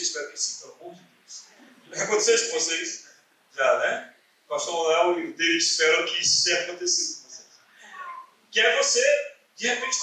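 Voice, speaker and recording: A man's voice: sits high, bright, forceful tone, distant mic. A Brazilian Portuguese-speaking man preaching a sermon as pastor, telling a story and acting out the dialogue in it. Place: church. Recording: echoey church hall, voice from off-mic.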